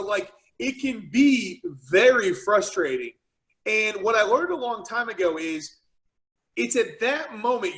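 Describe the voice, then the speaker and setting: A man who founded a business, speaking as a guest on a video call with energetic, casual motivational talk full of "you know" and "right". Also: high voice, rough recording.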